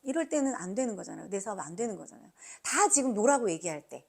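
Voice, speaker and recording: Female seminar trainer: urging motivational delivery, highly animated swings in pitch, punchy questions to the audience. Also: fast, gravelly. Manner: emphatic, urging, asks the listeners frequent rhetorical questions; acts out quoted remarks. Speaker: motivational speaker training business team members. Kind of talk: motivational business seminar talk.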